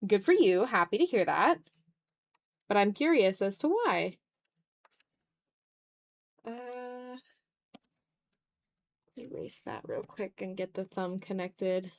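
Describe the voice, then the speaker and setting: On her drawing livestream, a female streamer talks casually and often mumbles to herself as she works. Her mid-range voice is animated but slow and creaky, with frequent pauses.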